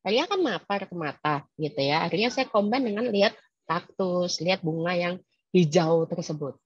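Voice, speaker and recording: A woman speaking in a casual, lively webinar talk to staff, teasing and quizzing her listeners. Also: on the low side, moderate pace, slightly rough, no echo, lo-fi sound.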